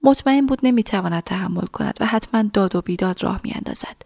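A woman narrating a story in a soft, half-whispered reading voice. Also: medium pitch, creaky, dry recording, clean studio sound.

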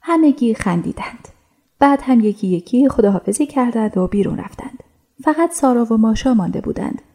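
A woman narrating a radio drama calmly and evenly. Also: a little high. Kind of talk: scripted narration.

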